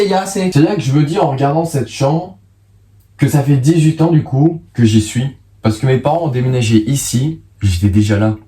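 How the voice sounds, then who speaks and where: A man's voice: on the high side, warm tone, reverberant. A man of about nineteen from France with a lisp on his s and z sounds, chatting casually to viewers in a joking, self-mocking, slangy way. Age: around 19. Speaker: video creator. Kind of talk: casual vlog monologue to the viewer. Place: bedroom at home.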